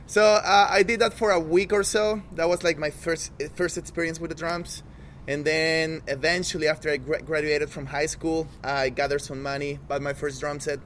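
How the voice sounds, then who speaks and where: Chatty man, fairly high voice. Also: normal speed. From El Salvador. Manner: animated, chatty anecdote-telling. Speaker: drummer. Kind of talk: casual storytelling. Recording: outdoor with faint traffic noise.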